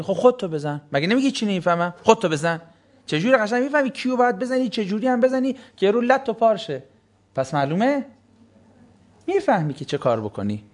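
A man giving a religious lecture in a sarcastic, teasing manner, mimicking the excuses of others in mocking voices. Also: high voice. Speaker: preacher.

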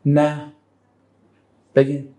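A male religious teacher giving a classroom Quran lesson. He recites verses slowly, glosses them in everyday speech and keeps calling on students, turning down their answers one after another. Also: on the high side. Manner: quizzes students again and again, brushing off answers; lively and animated when making a point.

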